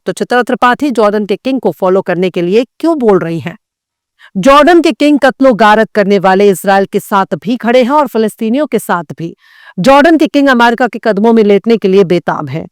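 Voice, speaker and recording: A woman's voice: medium pitch, clean tone, no echo, studio quality. A woman news anchor delivering scripted, pointed news commentary with a scornful edge.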